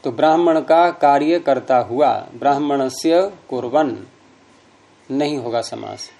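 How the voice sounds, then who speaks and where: A man's voice: medium pitch, measured pace, warm tone. A man teaching Sanskrit grammar, patiently explaining rules step by step with examples and repeating key terms.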